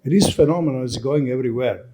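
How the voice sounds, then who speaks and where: The clip features a male presenter from Italy, an Italian native speaker with an Italian accent, lecturing at a conference in broken, non-native English full of restarts and repeated words. His voice is mid-range, and heavy background noise fills the recording.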